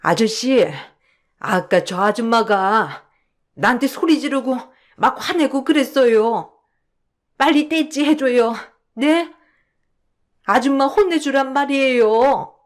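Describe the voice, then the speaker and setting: Elderly mother with a child's mind, high childish voice, petulant and whiny, slow radio drama delivery. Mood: tattling. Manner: childish pleading, petulant demands. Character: elderly mother acting like a whiny seven-year-old girl. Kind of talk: Korean radio drama acting.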